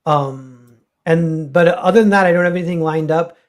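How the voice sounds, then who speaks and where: A man's voice: fairly high pitch, normal speed. A man, a comic artist guest, talking casually and ramblingly with many fillers and restarts. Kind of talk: casual livestream chat.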